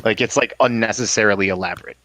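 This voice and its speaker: A man with a lowish voice, chatting loosely as a player in a tabletop game. He rambles, hedges with fillers and laughs a lot. The sound is dry and close. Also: fast, a bit bright, dry recording. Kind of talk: casual tabletop game chat.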